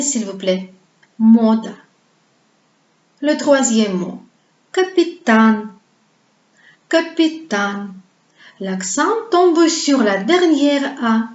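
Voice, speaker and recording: A woman teaches a language lesson at a deliberately slow pace, explaining patiently and pausing for her students to repeat each word. Her voice sits a little high. The recording sounds roomy and a bit dull, like a modest lo-fi setup. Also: darkish tone. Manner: explains patiently and asks viewers to repeat words. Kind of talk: slow, carefully paced pronunciation lesson.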